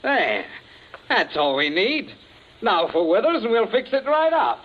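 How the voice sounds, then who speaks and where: A cocky, snide young son. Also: male voice, high voice, wildly swooping pitch, unhurried, full character voice. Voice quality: breezy, mocking. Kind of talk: 1940s radio acting. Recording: dull old radio recording, faint hiss.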